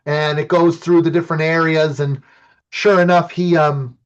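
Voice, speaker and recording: A man's voice: a little high, little pitch movement, moderate pace, clear, resonant tone. Enthusiastic man from Illinois lecturing over a call. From Illinois, USA. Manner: enthusiastic, conversational storyteller. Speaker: archaeologist giving a talk. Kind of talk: lecture with personal anecdotes. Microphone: computer mic on a video call. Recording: dull lo-fi video call audio.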